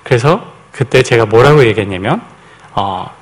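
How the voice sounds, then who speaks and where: A male pastor delivering a sermon in a conversational, storytelling way. He pauses often with hesitant fillers as he recounts events to his congregation, his pitch sitting in an ordinary middle range. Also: animated, slightly rough. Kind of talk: sermon testimony.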